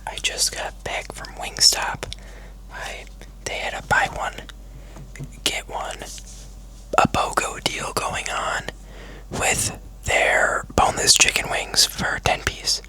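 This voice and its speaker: A food vlogger speaking in an unhurried, casual, chatty whisper close to the microphone for an ASMR mukbang video. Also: sharp tone, poor audio.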